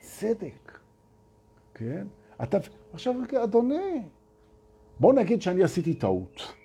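A spiritual teacher with a very husky, breathy yet warm voice addresses his audience, his pitch swinging up and down as he drives home his points. He repeats phrases for emphasis and keeps challenging his listeners with questions.

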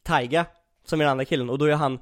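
A man's voice: a little high, no echo, studio quality. A young man in casual chat, animatedly retelling an anime with lots of fillers. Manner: animated, many fillers like "liksom".

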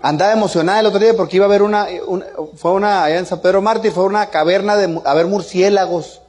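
A middle-aged man telling family anecdotes in a seminar talk, colloquial and joking, often tagging lines with quick checks to the audience. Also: high-pitched, steady tone, darkish tone. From Mexico. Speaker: speaker.

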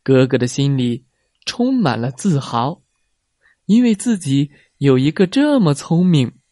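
Slow, animated man reading a children's story. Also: medium pitch, no echo, studio quality. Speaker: narrator.

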